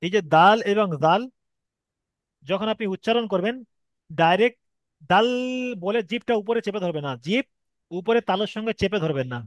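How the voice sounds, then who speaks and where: A man's voice: sits high, normal speed, long pauses, dry recording. A man with a Bengali accent teaching Arabic letter reading, patiently explaining step by step and stretching sounds to demonstrate. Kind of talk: online Quran reading lesson.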